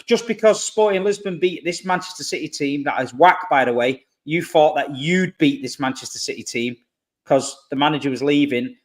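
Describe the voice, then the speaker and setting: Sarcastic, higher-voiced man. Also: normal speed. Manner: sarcastic, mocking. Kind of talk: casual football banter, ranting.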